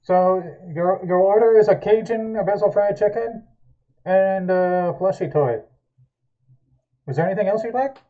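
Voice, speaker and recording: A man voicing a bored drive-thru worker at a fast-food shack in hell, taking orders flatly through a muffled drive-thru speaker. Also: high voice, pitched above the performer's own voice. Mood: matter-of-fact. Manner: flat, matter-of-fact order-taking. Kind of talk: tabletop game role-play.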